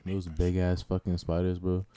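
A man's voice: deep voice, completely flat delivery, moderate pace, mellow, slight background noise. A young man in casual podcast banter, talking in a slangy frat-bro way as a co-host. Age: young adult.

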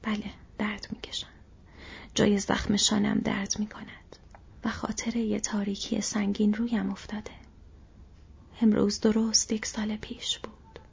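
A woman reading the part of a weary, wounded male hobbit in a hushed, breathy, sorrowful voice. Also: a little high, voice pushed up. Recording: dull lo-fi recording.

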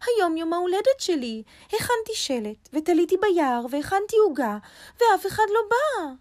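A woman putting on a squeaky fretful little rabbit. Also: big pitch swings. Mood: cross and sad. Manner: high squeaky pleading voice, a little cross and sad. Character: fretful little male rabbit, easily confused.

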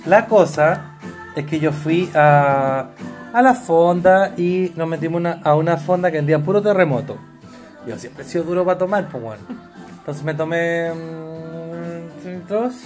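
A man's voice: fairly high pitch, unhurried, over music. A Chilean man co-hosting a podcast, telling a rambling story in casual chat and laughing as he goes. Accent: Chilean Spanish. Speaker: podcast co-host.

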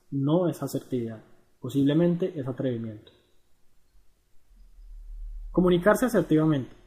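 A man reading a scripted educational narration in an even, measured way. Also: a little high.

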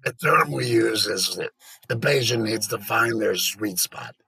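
A man talking as a podcast guest, explaining things in a measured, practical way with a few fillers. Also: on the low side, creaky, a crowd in the background, poor audio.

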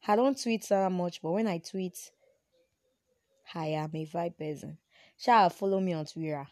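A woman's voice: fairly low pitch, measured pace, darkish tone, no room sound, clean studio sound. A woman from Nigeria with a Yoruba accent, chatting casually and playfully as a solo podcast host, with informal Pidgin turns of phrase.

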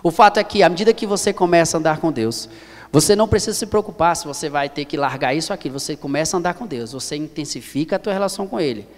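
A man's voice: fairly high pitch, lively intonation, racing. A man in his thirties with a Brazilian Portuguese accent, preaching a sermon earnestly and repeating phrases for emphasis. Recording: long hall reverb.

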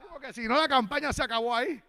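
A man preaching a sermon as a visiting preacher, telling stories lively, acting out the dialogue and building to shouted peaks. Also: very high-pitched, quick pace.

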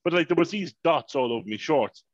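A man, telling a long, animated story in casual podcast chat and swearing freely. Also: fairly high pitch, fairly quick, no echo, highs cut off. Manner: animated, swears freely, repeats "mayhem" and "unbelievable". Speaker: podcast co-host.

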